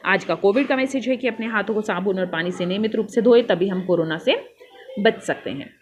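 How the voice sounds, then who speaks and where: A woman teacher patiently walking young children through a worksheet, spelling out answers slowly and calling her pupils "beta". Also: mid-range voice, slight background noise.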